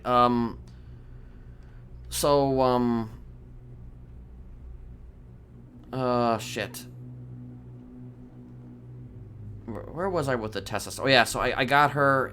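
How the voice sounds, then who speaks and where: A streamer improvises in-character roleplay online as a rambling, casually sadistic male criminal confessing his violent deeds. His mid-range, slightly bright voice is halting and matter-of-fact, with casual swearing, and the background noise is clear.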